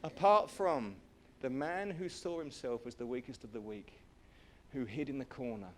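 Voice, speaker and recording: A man with a Welsh accent preaching a sermon as pastor, telling the story with acted-out voices, swinging from hushed to shouting. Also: medium pitch, moderate pace. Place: church hall.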